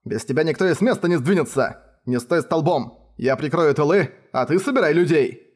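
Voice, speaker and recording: A young fantasy hero snapping out orders in short, clipped bursts , read by a male narrator in his own voice. The tone sits a little high and stays firm. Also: lively intonation, normal speed. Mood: commanding. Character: young male hero, commanding under pressure. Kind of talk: audiobook character voice.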